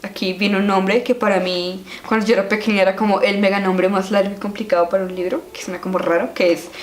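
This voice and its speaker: A young woman chatting about a children's book in an animated, giggly way. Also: medium pitch, quick pace. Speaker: vlogger reviewing a children's book. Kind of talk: casual book-review vlog. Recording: echoey room with background music.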